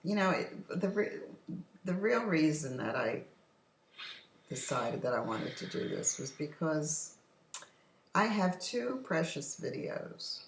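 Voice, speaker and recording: A woman's voice: low voice, sing-song, slow, reverberant, slight background noise, poor audio. An older woman hosting a casual home chat, telling stories in a talkative way. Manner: chatty storytelling, often laughing. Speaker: host. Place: home patio. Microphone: computer's built-in microphone.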